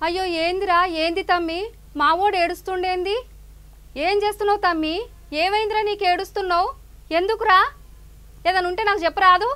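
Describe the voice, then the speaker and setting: A woman's voice: extremely high pitch, fairly even intonation, fairly quick, pauses often. A woman with a Telangana accent anchoring a comic news sketch, coaxing and consoling in a fussing way. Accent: Telangana Telugu. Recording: loud music playing behind.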